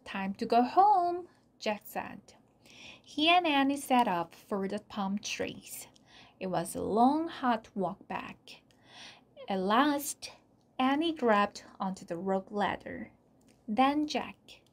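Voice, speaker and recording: Slow, gentle Korean woman reading a storybook. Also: mid-range voice, lively intonation. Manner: soft, deliberate storytelling. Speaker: storybook reader. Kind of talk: reading a children's chapter book aloud.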